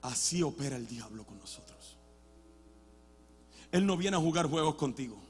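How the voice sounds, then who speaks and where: A man preaching a sermon as a pastor, switching between Spanish and English, restarting words often and swinging from quiet talk to loud shouting. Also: medium pitch, animated, normal speed, in a large hall, a little hiss or hum. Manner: builds to loud shouted passages, then drops to quiet. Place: church sanctuary.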